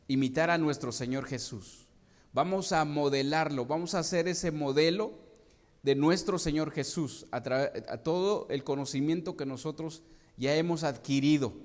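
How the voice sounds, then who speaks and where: A man preaching a sermon to his congregation, often asking them questions and restarting his phrases. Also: on the high side. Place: church hall. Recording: long hall reverb.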